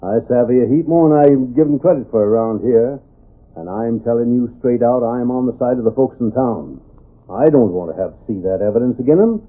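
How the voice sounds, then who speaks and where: Man acting gruff old-West sheriff, husky voice. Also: medium pitch, a little fast, natural voice. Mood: folksy, confiding. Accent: American. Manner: blunt folksy Western drawl. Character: gruff, plain-spoken frontier sheriff, past his prime. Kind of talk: old-time Western radio drama acting. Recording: muffled, tinny old radio broadcast.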